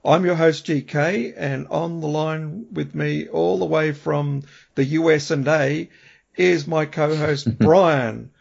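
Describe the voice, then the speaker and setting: A man hosting a podcast, greeting his co-host in a relaxed, friendly way. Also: on the high side, slow, gravelly, muffled recording. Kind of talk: casual podcast chat.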